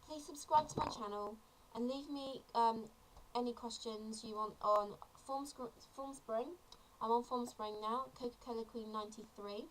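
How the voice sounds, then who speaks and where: Teen girl, 17, casual vlogger, earnest and chatty, slightly high voice. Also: slight background noise, low-quality recording. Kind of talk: casual tutorial vlog.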